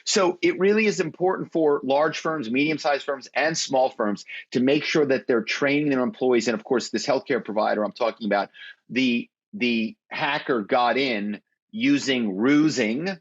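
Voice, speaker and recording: A man with a mid-range voice talks at normal speed as a guest in a conversational interview. A former corporate spy, he explains how phone tricks get people to give away information, illustrating his points with anecdotes from phone calls.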